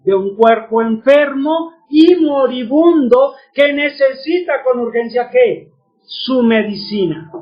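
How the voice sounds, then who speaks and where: High-voiced man teaching, quizzing his listeners. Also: slow pace, muffled recording. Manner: asks the audience questions and answers them himself. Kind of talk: religious teaching.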